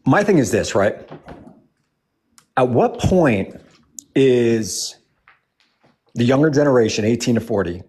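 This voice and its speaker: A man's voice: medium pitch, lively intonation, slow pace, pauses often, a little mellow. Blunt, emphatic man in his forties. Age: 40s. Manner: blunt, emphatic, repeats points, swears. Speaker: debate participant. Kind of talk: heated political argument.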